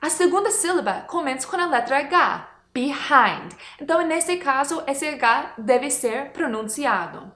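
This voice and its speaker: Female pronunciation teacher, high voice, casual lesson tone, echoey room. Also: expressive, fairly bright tone. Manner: light laughing, slow modelled example words.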